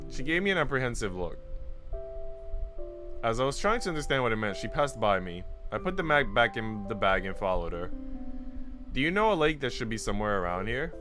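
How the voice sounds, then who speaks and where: A man streams himself reading a visual novel aloud, chatting with viewers in casual slang. His medium-pitched voice swings widely in pitch and moves a little fast, with guitar and instrumental music playing behind him.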